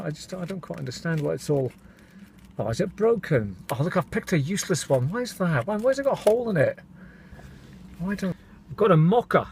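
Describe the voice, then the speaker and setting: A man's voice: a little high, a little hiss or hum. A middle-aged man, born in Scotland and raised in England, chatting casually to camera in a daily vlog, self-mocking and calling his viewers folks. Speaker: vlogger.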